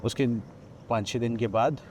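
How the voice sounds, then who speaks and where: A podcast guest from Odisha, India, retells a personal ghost story full of quoted dialogue, speaking at normal speed in a mid-range, darkish voice. He was recorded outdoors at a riverside ghat, with slight background noise.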